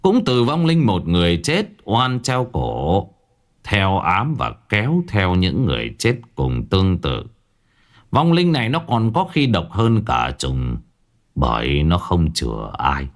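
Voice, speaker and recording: A man voicing a stern old male exorcist who speaks slowly and gravely. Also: low voice, exaggerated voice. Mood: measured. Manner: slow, measured, grave.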